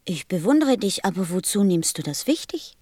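A small boy prince in a radio play. He is courteous and curious, asking earnestly in a voice of middling pitch for a woman. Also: sing-song, moderate pace, mellow, husky. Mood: puzzled. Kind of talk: German radio play acting.

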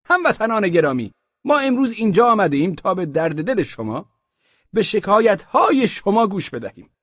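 A man's voice: sing-song, a bit bright, no room sound, exaggerated voice. A man voicing a flustered, evasive official in an audiobook, stammering and hedging. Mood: flustered insistence. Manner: stammering, high-pitched, pleading. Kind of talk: audiobook character voice. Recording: dull, dry audio.

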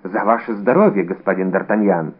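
A man reading an audiobook, voicing a deferential guard captain who mutters low and humbly, in a narrow, phone-like recording. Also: fairly quick, slightly rough. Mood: humble.

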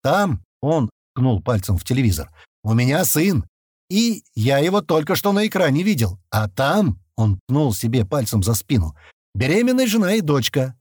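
Brief: man voicing a gruff burly axeman, blunt and commanding, pitched a bit higher, dry audiobook sound. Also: sing-song, normal speed, a little mellow, no echo. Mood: troubled.

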